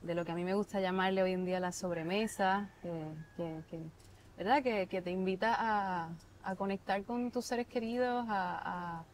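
A Puerto Rican chef in her thirties answers interview questions thoughtfully, with lots of restarts and filler words, speaking in a Puerto Rican Spanish accent. Her mid-range voice stays fairly even at a normal pace. She's recorded on a lapel mic out on a patio, with a little hiss or hum in the background.

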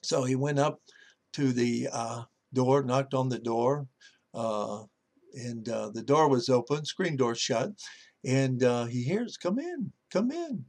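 A man's voice: medium pitch, slow pace. A male pastor giving a motivational devotional talk in a folksy storytelling way, with lots of "uh" fillers.

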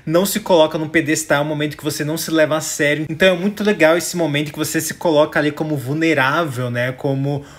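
A man's voice: on the high side, steady tone, fast talker, hardly any pauses, a bit bright. A man with a Brazilian Portuguese accent giving chatty, opinionated reaction commentary to his viewers, often tossing in tag questions. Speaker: YouTube commentator.

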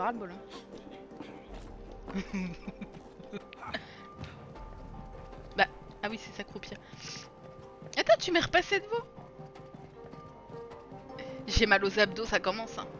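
A young woman chatting through a co-op video game session, excitable and self-mocking, often laughing and shouting at the game. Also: medium pitch. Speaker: streamer playing a co-op video game. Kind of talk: casual let's-play chatter.

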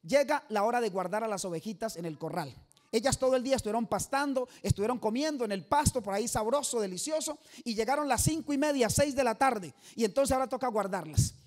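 A man's voice: very high voice, expressive, fast. A man preaching an evangelistic sermon to a congregation, emphatic and quizzing the listeners for answers. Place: church service before a live audience.

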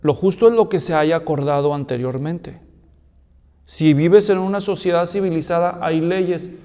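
A man's voice: a little high, moderate pace, mellow, long reverb tail. A male pastor preaching a sermon, telling a story and asking rhetorical questions.

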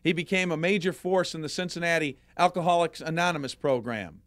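A man narrating a documentary in a measured, scripted delivery. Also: a little high, a bit bright, dry recording.

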